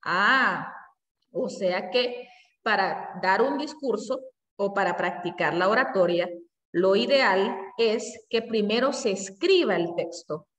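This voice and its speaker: A woman teacher lectures a class, posing questions and answering them herself, sometimes stopping to correct a word. Her voice sits a little high and reaches the mic from across the room. The room is echoey, with a long reverb trailing her words. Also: distant mic. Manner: explains step by step, asks and answers her own questions; self-corrects with fillers.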